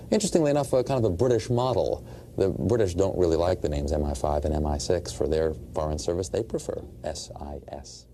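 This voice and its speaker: A man recalls a story at an easy pace in a deep, dark voice. Faint noise sits under the recording. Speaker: interviewee. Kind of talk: interview recollection.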